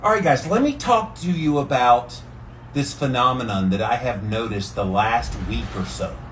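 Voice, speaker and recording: A man's voice: mid-range voice, expressive, normal speed, a bit bright. An American man vlogging casually and enthusiastically while sitting in ice-cold water, with slangy, emphatic talk. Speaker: vlogger doing a daily challenge. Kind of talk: casual rambling vlog talk. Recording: distant mic with faint background noise.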